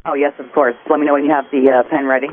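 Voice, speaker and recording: A man's voice: mid-range voice, level tone, very fast. Male air traffic controller over static-laced radio. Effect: aviation radio transmission with static. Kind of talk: radio instructions to pilots. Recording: noisy narrow-band air traffic radio.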